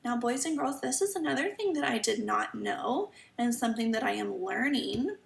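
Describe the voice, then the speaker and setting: High-pitched woman, kids show host, creaky edge. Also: lively intonation, normal speed. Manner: kids show host, addressing children with questions and simple explanations. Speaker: children's teacher reading a picture book aloud. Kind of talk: children's story time read-aloud lesson. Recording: roomy echo, slightly distant mic.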